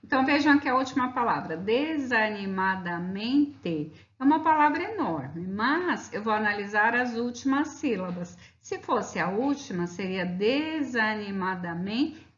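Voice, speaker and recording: A woman teaching a grammar lesson, walking through slides patiently and stretching out example words slowly. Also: a little high, big pitch swings, fairly bright tone. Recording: roomy, dull lo-fi sound.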